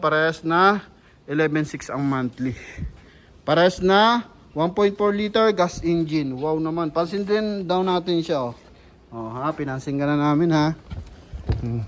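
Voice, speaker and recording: A man with a Filipino accent giving a casual walkaround sales pitch on a car lot, chatting to viewers and calling them "boss". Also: a bit bright. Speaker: used car sales presenter.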